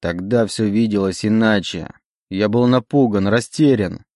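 A man's voice: fairly low pitch, unhurried, dark tone, no room sound, clean studio sound. A man voicing a possessive demon bound to a young man's soul, pleading and insistent in an audiobook reading. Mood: lamenting. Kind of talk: audiobook character voice.

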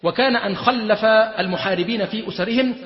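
A man's voice: high voice, fast. A man with an Egyptian accent preaching a storytelling sermon, acting out quoted dialogue and dropping into colloquial asides. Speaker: sheikh giving a lecture. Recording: long reverb, dull lo-fi sound.

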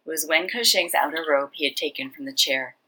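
A woman casually reading fiction aloud, relaxed and chatty, stopping to correct herself. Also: low voice, brisk, husky, rough recording. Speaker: reader.

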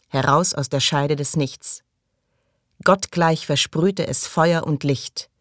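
A man reading an audiobook aloud in measured, dramatic storytelling. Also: a little high, dry recording, clean studio sound. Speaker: audiobook reader. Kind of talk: scripted narration.

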